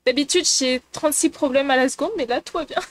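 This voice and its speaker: A woman with a high, bright-pitched voice hosts a casual live stream, chatting with her viewers. She talks playfully and giggles often, teasing her chat. She is recorded on a desk mic at her computer. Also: fast, slight background noise.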